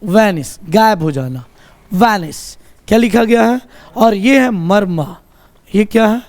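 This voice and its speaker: A male teacher with a high voice runs a classroom vocabulary drill. He speaks slowly, repeating each word and quizzing his students. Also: lively intonation, darkish tone. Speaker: English teacher.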